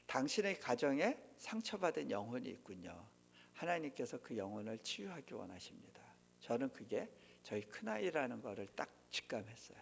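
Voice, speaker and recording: A man's voice: medium pitch, creaky, a little hiss or hum. A middle-aged man, a missionary, telling a personal story in a sermon and asking the congregation questions. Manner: lively, asks the audience questions. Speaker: missionary speaker. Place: church sanctuary. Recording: long reverb of a church hall.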